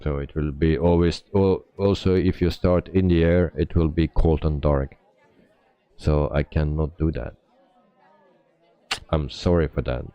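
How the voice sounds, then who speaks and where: A man giving casual live-stream commentary as a flight simulator player, with halting, hesitant phrasing. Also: rumbling low, clean tone, no room sound, dull audio.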